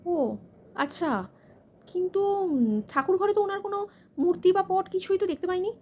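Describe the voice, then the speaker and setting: A woman's voice: very high voice, moderate pace, muffled recording, a little hiss or hum, pitched above the performer's own voice. A woman from West Bengal playing a hesitant young daughter-in-law who keeps asking questions and slips English words into her speech in a comedy skit. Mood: puzzled. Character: meek young modern daughter-in-law, puzzled. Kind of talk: comedy skit role-play.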